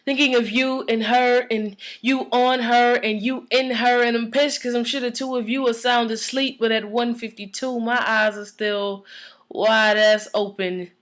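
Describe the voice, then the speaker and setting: A woman's voice: on the high side, flat delivery, normal speed, hardly any pauses. A woman reciting her own spoken word poem in a conversational, emotional rhythm.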